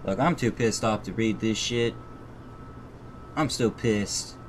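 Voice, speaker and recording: A video game streamer with a low-ish voice speaks slowly, reading the game's story text aloud and cursing in irritation. The recording carries steady background noise.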